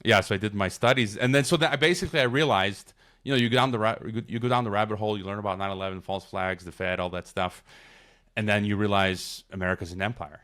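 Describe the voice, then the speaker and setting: This podcast guest is a middle-aged man from Chicago with a lowish, fairly bright voice and a fast pace. Chatting casually in an interview, he wanders off on tangents and keeps starting sentences over.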